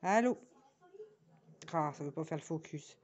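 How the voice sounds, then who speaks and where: A woman's voice: sits low, lively intonation, unhurried, darkish tone, lo-fi sound. A woman with a northern French accent, talking casually to viewers in a rambling, chatty way as she shows her crafting tools. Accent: northern French (Nord). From northern France. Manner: rambling, many fillers and restarts, chatty asides. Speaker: diamond painting vlogger. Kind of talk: casual tutorial chat to viewers.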